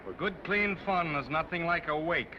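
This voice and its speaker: A man's voice: on the high side, lively intonation, normal speed, slight background noise, lightly acted. An American actor playing a cynical newspaperman, trading dry, flippant screwball comedy banter in a 1930s film. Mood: sardonic. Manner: dry, sardonic, flippant wordplay. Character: wry, cynical big-city newspaperman. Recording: dull 1930s film soundtrack, music behind.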